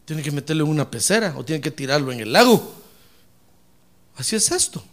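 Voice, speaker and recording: High gravelly preacher guy, swoops up and down a lot, keeps asking the church questions. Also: very animated, brisk, a bit bright. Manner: preachy, addresses listeners as brother with rhetorical questions. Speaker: pastor. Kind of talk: sermon.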